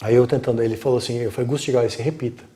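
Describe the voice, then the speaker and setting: A Brazilian man spins a long story in easy, unhurried talk, slipping into the voices of the people in it. His tone is dark and mellow, sitting at an ordinary middle pitch. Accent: Brazilian Portuguese. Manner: animated, acts out quoted dialogue. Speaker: guest storyteller. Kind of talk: casual live-stream storytelling.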